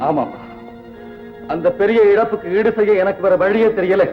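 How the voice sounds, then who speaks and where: Devoted son played by an actor, earnest, pleading, very high pitch, dull old film sound. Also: male voice, moderate pace, over music, lightly acted. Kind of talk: 1970s film melodrama.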